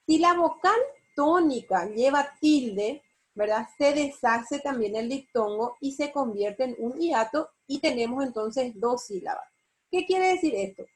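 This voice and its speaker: A woman teacher with a Paraguayan Spanish accent, giving an online spelling lesson and explaining step by step with frequent check questions. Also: high voice. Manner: slow, explanatory, asks rhetorical check questions. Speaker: university teacher.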